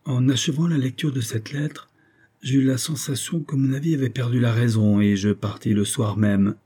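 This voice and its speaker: A man narrating an audiobook story in a measured storytelling manner. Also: medium pitch, steady tone, dark tone, slightly rough. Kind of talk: audiobook reading.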